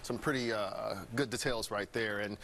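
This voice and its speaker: A man's voice: lowish voice, steady tone, normal speed, gravelly, a bit bright. A man with an American accent, speaking as a television news anchor and reporter. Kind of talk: news report and desk chat.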